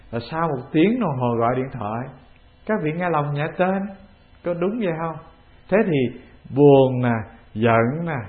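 A man with a Vietnamese accent, a Buddhist monk giving a calm, measured dharma talk, often putting questions to the assembly. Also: a little high. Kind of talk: sermon. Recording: tinny phone-like lo-fi recording.

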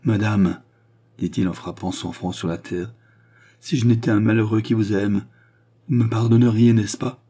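A man's voice: lowish voice, fairly even intonation, normal speed, dark tone, natural voice. A man voicing an anguished, melancholy nobleman in an audiobook, speaking with grave, tormented intensity.

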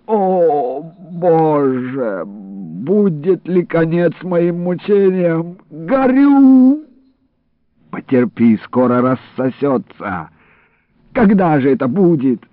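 A man voicing a groaning, wounded old man who pleads and curses in a high wailing voice. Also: no echo. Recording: dry, phone-like narrow sound.

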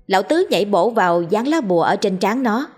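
A woman's voice: mid-range voice, expressive, brisk, darkish tone, slightly rough, soft background music. A woman narrating a ghost story in a scripted, storytelling way.

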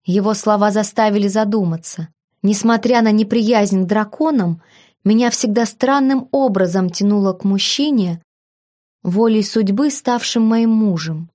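A woman narrating a first-person novel as an audiobook reader, with even, expressive reading. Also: medium pitch, a little slow.

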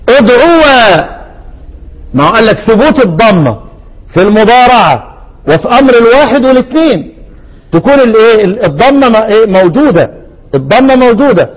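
High-voiced Egyptian sheikh teaching in a reverberant hall. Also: male voice. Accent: Egyptian Arabic. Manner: asks the class questions and answers them himself, with frequent restarts; chants quoted verse words at a raised pitch. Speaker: Quran recitation teacher. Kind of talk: explanatory lesson on recitation rules. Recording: long reverb.

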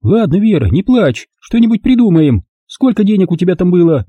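A man's voice: sits high, big pitch swings, a little fast, warm tone, husky, no echo, lo-fi sound, voice pushed up, full character voice. A man reading an audiobook, voicing a harsh, scornful middle-aged woman who scolds coarsely.

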